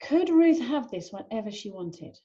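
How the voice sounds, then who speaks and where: A woman therapist gently asking her client guiding questions during a session. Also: on the high side, very animated, normal speed, dull audio.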